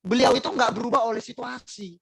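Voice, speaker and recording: A man's voice: very high voice, fast, creaky, fairly bright tone, husky, no echo, poor audio. A man preaching a sermon in an Indonesian accent, speaking straight to the congregation with rhetorical questions and emphatic repetition. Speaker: pastor.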